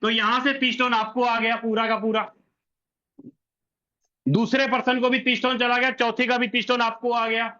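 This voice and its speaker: On a dull, lo-fi recording, a man with a very high-pitched, sharp voice presents a referral plan at a whiteboard. He works through it step by step, repeating himself and answering questions he raises.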